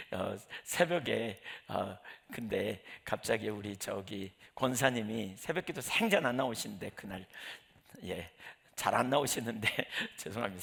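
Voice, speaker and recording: A man's voice: mid-range voice, vocal fry, fairly bright tone. A middle-aged male pastor giving a conversational sermon, telling personal stories and acting out his own prayers.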